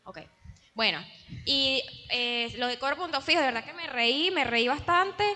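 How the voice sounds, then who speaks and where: A woman, a guest chatting in a lively, playful way. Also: high voice, moderate pace. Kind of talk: casual chat.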